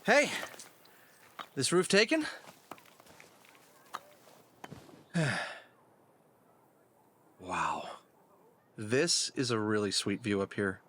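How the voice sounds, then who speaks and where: A man voicing an earnest, gentle fox detective in a hat in an audio drama. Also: fairly low pitch, wildly swooping pitch, slow, long pauses, slight background noise, full character voice. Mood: hesitant. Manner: gentle, reassuring. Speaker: voice actor.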